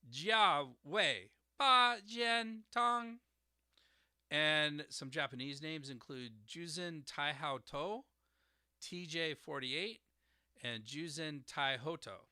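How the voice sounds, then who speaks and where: A man hosts a solo educational podcast, walking through terms and spelling out words with frequent hesitant uhs. His voice is strikingly bright and forceful. The sound is dry, with no room echo. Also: mid-range voice, smooth. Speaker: podcast host explaining herbal formulas.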